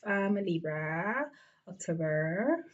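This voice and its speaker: In a very noisy, muffled recording, a woman in her twenties with a South African accent talks to her viewers about herself, sprinkling in plenty of fillers. She's a beauty vlogger with a lowish voice that swings widely in pitch, and she speaks slowly.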